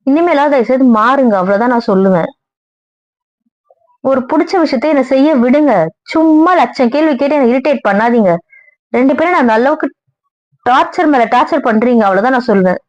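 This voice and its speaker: Woman voicing an indignant young wife, slightly high voice, scolding tone; lo-fi dry audio drama. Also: lively intonation, brisk, no echo. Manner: scolding, argumentative. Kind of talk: amateur audio drama acting. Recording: dull lo-fi dry recording.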